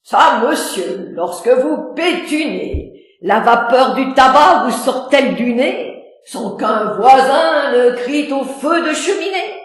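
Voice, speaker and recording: A woman's voice: on the high side, sing-song, slow, very echoey. A woman playing a proud, mocking theatrical swordsman, declaiming verse like a hammy stage actor. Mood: forceful, mocking.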